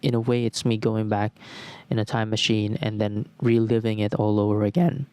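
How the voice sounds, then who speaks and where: A man's voice: lowish voice, little pitch movement, normal speed, darkish tone, clear, resonant tone, no echo. A young man in his twenties hosting a podcast alone, talking reflectively and repeating phrases in lists as he thinks aloud. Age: 20s. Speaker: podcast host. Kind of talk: reflective solo talk.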